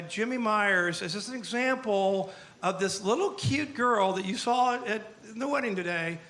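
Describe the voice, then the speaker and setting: A middle-aged man, the father of the bride, telling rambling, animated stories in a wedding toast at a reception. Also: high voice. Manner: storytelling, animated, rambling with restarts.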